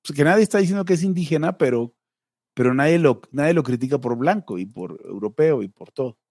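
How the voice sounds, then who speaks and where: A man's voice: on the high side, lively intonation, a little fast, a little mellow, no room sound, clean studio sound. A man with a Mexican accent, co-hosting a podcast in casual chat, thinking aloud with many fillers. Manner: musing, hesitant with fillers. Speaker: podcast co-host.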